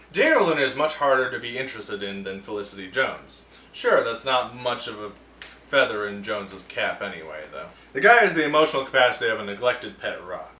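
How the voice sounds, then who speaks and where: A man's voice: mid-range voice, very animated, brisk, pushed and bright, a little hiss or hum. Sarcastic man ranting in a roomy echo. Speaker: film review show host. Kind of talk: casual opinionated film review. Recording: roomy echo, distant mic, faint ambience.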